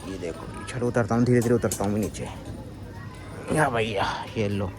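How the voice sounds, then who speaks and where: A father who vlogs chats casually into his phone camera, constantly pointing things out to viewers as he moves between a rooftop and a street market. His voice is fairly low and he talks at a normal speed, with street noise and passing vehicles audible.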